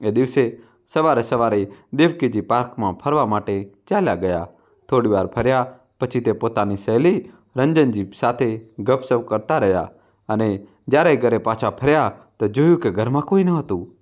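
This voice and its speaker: A man narrating a family story in a steady, even storytelling manner. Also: mid-range voice, moderate pace. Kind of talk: scripted narration.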